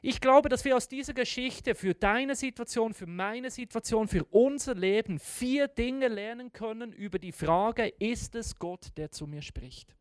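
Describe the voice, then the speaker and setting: Lively casual storytelling preacher. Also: mid-range voice, unhurried, few pauses, clean tone, no room sound, studio quality. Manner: casual, slangy, dramatic retelling.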